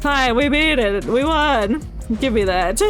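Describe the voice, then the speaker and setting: Over loud game music and the noise of combat, a woman streaming a game offers relaxed, rambling commentary, partly muttering to herself. Her voice is high-pitched, with lively intonation and an unhurried pace.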